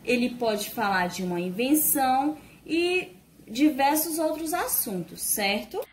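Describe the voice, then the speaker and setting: A woman's voice: fairly high pitch, slight background noise. Woman teaching young children. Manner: slow, sing-song teaching voice with exaggerated reading intonation. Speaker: primary school teacher. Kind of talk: children's lesson.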